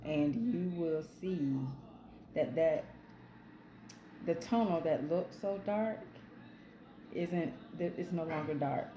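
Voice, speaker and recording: Woman, low voice, chatty motivational talk, echoey room with background hum. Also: takes it slowly, pauses often, warm tone. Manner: conversational, frequent "right?" and "um". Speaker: self-help channel host. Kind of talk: casual motivational talk to camera.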